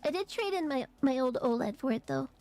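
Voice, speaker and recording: A woman streamer chatting casually and haltingly, her voice phlegmy and rattly in the chest, congested from allergies. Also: high voice, lively intonation, a little mellow. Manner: halting, hesitant, trailing phrases. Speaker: vtuber streamer. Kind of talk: casual livestream chat.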